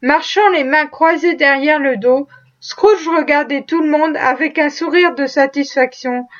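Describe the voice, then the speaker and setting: A woman narrating a classic Christmas tale as an audiobook, measured and storytelling, lightly voicing the characters. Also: sits high, dull audio.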